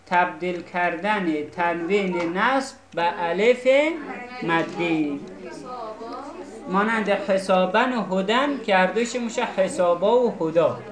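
A woman's voice: lowish voice, crowd noise. A woman teaching a class, patiently explaining and often asking if the students follow. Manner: patient, keeps checking students understand. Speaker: Arabic teacher. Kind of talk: classroom lesson. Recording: echoey classroom.

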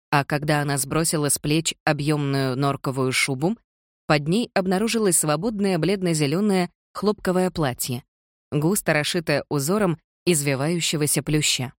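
Measured audiobook reader, dry sound. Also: mid-range voice, no room sound. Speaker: audiobook narrator. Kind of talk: scripted narration.

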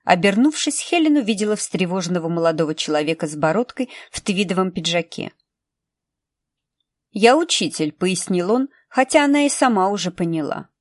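A woman narrating a novel in a measured storytelling manner, recorded close to a studio mic. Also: on the low side, sing-song, dry recording. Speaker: audiobook narrator. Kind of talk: scripted narration.

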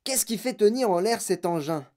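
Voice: mid-range voice, expressive, moderate pace, a little mellow, voice pushed up, natural voice. A storybook reader voicing an elderly grandfather who shrieks in panic and delight. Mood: anxious. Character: old grandfather, frightened and thrilled.

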